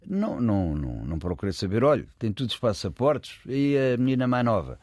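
A man's voice: medium pitch, big pitch swings, a little fast, a little mellow, no echo, clean studio sound. A man with a European Portuguese accent telling a story in casual conversation, rambling and correcting himself as he goes. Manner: rambling, self-correcting, chuckles while telling. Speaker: guest storyteller.

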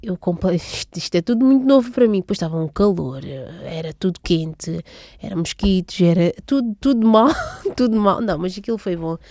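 Young woman from são tomé, soft mellow voice, lots of ums, dry close sound. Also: mid-range voice, very animated, moderate pace, no room sound. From São Tomé and Príncipe. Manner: hesitant, many fillers and restarts. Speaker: interviewee. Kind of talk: casual personal recollection.

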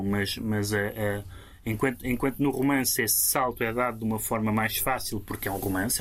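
Portuguese guy on a radio book chat, halting, lots of ums and restarts. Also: lowish voice. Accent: European Portuguese. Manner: hesitant, many fillers and restarts. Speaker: book critic. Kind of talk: radio culture discussion.

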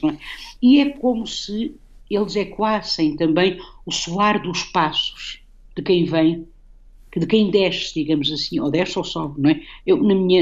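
A woman's voice: lowish voice, highs cut off. Reflective Portuguese woman analysing poetry. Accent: European Portuguese. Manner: reflective, analytical, with frequent tag questions. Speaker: guest poet. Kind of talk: radio conversation about poetry.

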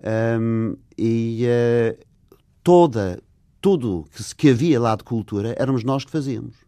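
Speaking Portuguese as a second language, this older English guest halts through his interview answers, leaning on plenty of fillers; his mother tongue is English. His medium-pitched voice is warm and a little slow. The sound is studio quality, with no room sound.

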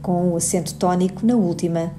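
A woman linguist, giving a clear, didactic scripted radio explanation of a pronunciation. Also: lowish voice, steady tone, fairly quick, dark tone, slight background noise. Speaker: linguist answering a language question.

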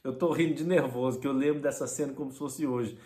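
A man with a Brazilian accent telling a comic story in an animated way, mimicking other people. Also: quick pace. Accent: Brazilian Portuguese. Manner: animated, mimics his mother and friends in high voices. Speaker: comedian. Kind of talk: stand-up storytelling.

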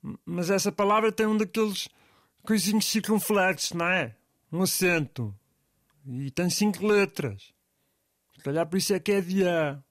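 A man's voice: high voice, moderate pace, no echo, studio quality, natural voice. A man with a European Portuguese accent in comic scripted banter, asking puzzled questions and giving in easily.

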